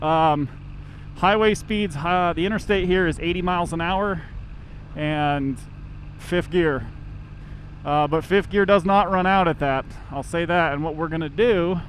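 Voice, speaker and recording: A man talking casually from inside a motorcycle helmet as he rides, rambling informally and interrupting himself, with some mild swearing. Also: fairly high pitch. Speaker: motorcycle vlogger. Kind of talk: casual rambling vlog while riding. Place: outdoors, riding a motorcycle in traffic. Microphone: microphone inside a helmet. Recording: road and engine noise, inside helmet.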